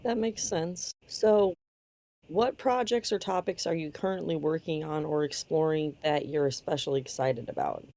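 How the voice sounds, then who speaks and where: A woman hosting a podcast, asking measured, prepared interview questions. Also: sits low, warm tone. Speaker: podcast host.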